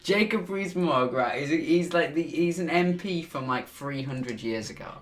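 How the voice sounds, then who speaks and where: A man's voice: fairly high pitch, moderate pace, fairly bright tone. Giggly man co-hosting a podcast. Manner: chatty, giggly, filler-heavy with lots of "like". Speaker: podcast co-host. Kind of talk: casual chat.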